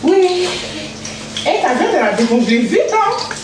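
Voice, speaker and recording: A woman's voice: very high-pitched, sing-song, unhurried. A woman hosting a casual livestream from her home kitchen, playful, singing and chanting to herself while she cooks. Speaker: livestream host. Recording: echoey room with noise.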